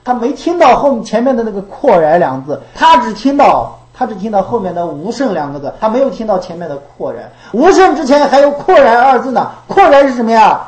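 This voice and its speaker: A woman's voice: a little high, very animated, fairly quick, few pauses, a little mellow, roomy sound, rough recording. A woman giving a Buddhist dharma talk. She repeats her phrases and asks rhetorical questions. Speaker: Buddhist teacher.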